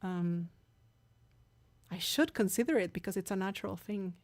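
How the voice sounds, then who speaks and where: This Mexican-accented woman, whose first language is Spanish, hosts a live stream as a singer and chats openly with viewers, frequently restarting and repeating herself. Her mid-range voice has a darkish tone and a moderate pace.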